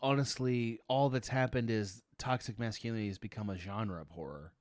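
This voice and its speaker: A man chatting casually about films on a podcast in a reserved, measured, hedging manner. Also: on the low side, darkish tone, no echo, studio quality. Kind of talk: casual film podcast chat.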